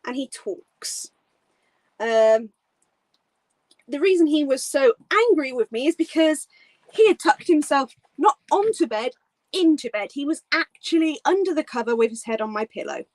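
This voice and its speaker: A woman's voice: sits high, lively intonation, normal speed, darkish tone, no room sound. A woman casually chatting on a livestream from her bedroom at home, rambling with frequent ums and restarts. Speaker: livestream host.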